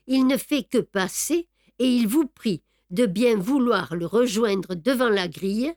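A woman's voice: a little high, expressive, unhurried, darkish tone, no room sound, clean studio sound. A woman reading the part of a male court clerk revealed as a brutal, mocking villain, speaking curtly. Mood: polite. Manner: mocking, curt. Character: sneering male clerk turned armed villain, brutally bold.

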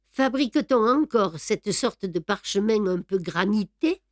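A woman reading the lines of a young male amateur detective who reasons aloud in a measured way. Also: medium pitch, lively intonation, darkish tone, dry recording, clean studio sound, natural voice. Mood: thoughtful.

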